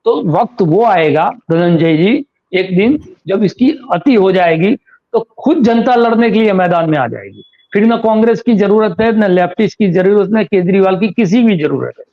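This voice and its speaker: A man with a high-pitched voice gives interview commentary as a political analyst, arguing his points and firing off rhetorical questions. The audio is a little dull and lo-fi. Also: expressive, moderate pace. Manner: argumentative, fires rhetorical questions.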